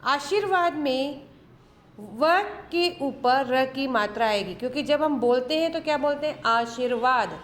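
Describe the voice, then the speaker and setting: A woman teaching a Hindi grammar lesson, going slowly through word lists and saying each word twice. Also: high-pitched, animated, reverberant, a little hiss or hum. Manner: slow, deliberate, repeats each word twice.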